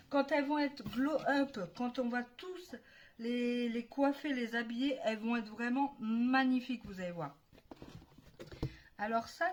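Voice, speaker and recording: A woman's voice: sits high, slight background noise. A woman with a Spanish accent who hosts a casual doll unboxing and craft tutorial, chatty and enthusiastic and dropping in English words. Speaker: doll customizing vlogger.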